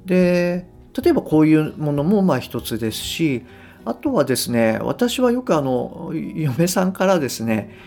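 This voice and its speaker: Speaking in a sing-song voice on the high side, a middle-aged man hosts a podcast and coaches without a script. He's laid-back and unhurried, gently stressing points and hesitating over his words, while guitar music plays behind him.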